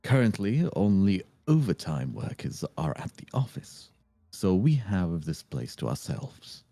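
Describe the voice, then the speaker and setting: A smooth demon suitor speaks in a low, mellow voice that rises and falls with flourish, as a man puts him on. His formal, courtly lines come across dry and close. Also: sing-song, unhurried, slight background noise, heavily acted. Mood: suave. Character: smooth young male demon suitors from a romance game. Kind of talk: live reading of game dialogue.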